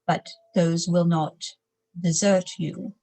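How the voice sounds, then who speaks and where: A woman speaking as a trance medium, in formal, solemn, measured phrases, as if a spirit guide were advising a client. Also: on the low side, fairly even intonation, gravelly, dark tone. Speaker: trance channeler, seance medium.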